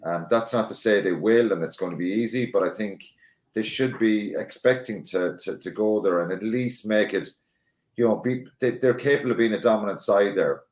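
Low-voiced rugby pundit man, roomy echo. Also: moderate pace, a little mellow. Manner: hesitant, many fillers and restarts. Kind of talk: casual sports analysis.

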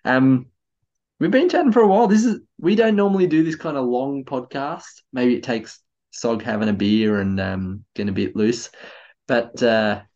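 A man's voice: medium pitch, normal speed, a little mellow. A man co-hosting a podcast in casual chat, a bit tipsy and enthusiastic, often stammering and restarting. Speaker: podcast co-host. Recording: slightly dull, lo-fi audio.

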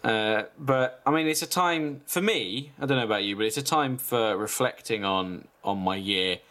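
Deadpan young man. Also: mid-range voice, normal speed. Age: 20s. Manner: deadpan, reading a list with asides. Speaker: podcast co-host. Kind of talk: comedic casual chat.

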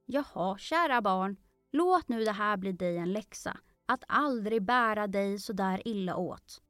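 A woman's voice: mid-range voice, expressive, a bit bright, no room sound, clean studio sound, faint music behind, close to an everyday voice. A woman voicing a preachy old mother crab in a storybook, lecturing her child.

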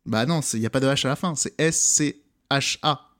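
A man's voice: mid-range voice, normal speed, a bit bright. A man co-hosting a casual podcast chat, talking hesitantly and searching for words. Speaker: podcast co-host.

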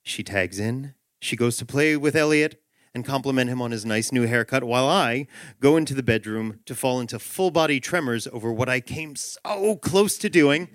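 A man telling a comic personal story, animated and self-mocking with quick asides. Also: medium pitch, no room sound, studio quality. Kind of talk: live comedic storytelling.

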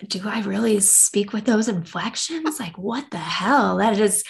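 A woman's voice: mid-range voice, a little slow, vocal fry. A young woman co-hosting a podcast, talking in an earnest, upbeat, rambling way. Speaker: podcast co-host. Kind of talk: casual chat.

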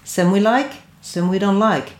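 Host: woman, formal and measured, room echo on the voice. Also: medium pitch. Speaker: podcast host. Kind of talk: scripted intro and interview questions.

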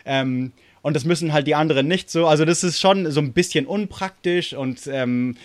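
A man's voice: fairly high pitch, moderate pace. A man with an American accent in German, a native English speaker, chats casually about history, searching for words and slipping in English ones. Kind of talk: casual podcast discussion of history.

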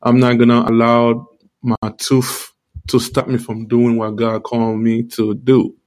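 A man giving an informal, halting devotional talk with a toothache, repeating phrases, his speech slightly altered by a sore mouth. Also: medium pitch, completely flat delivery, darkish tone. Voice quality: speech slightly altered by tongue-led articulation. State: toothache, talking around a sore tooth and gum. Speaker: live-stream preacher.

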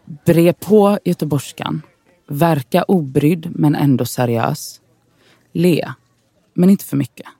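A woman's voice: sits low, vocal fry, warm tone, breathy edge, dry recording. Wry, swearing woman talking to herself. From Sweden. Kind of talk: scripted inner monologue narration.

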